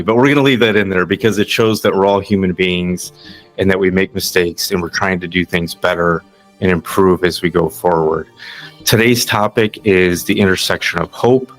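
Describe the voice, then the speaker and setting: Man, podcast host, low pitch, jokey, casual, faint background music. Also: fairly even intonation, moderate pace, a bit bright, poor audio. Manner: jokey, self-deprecating.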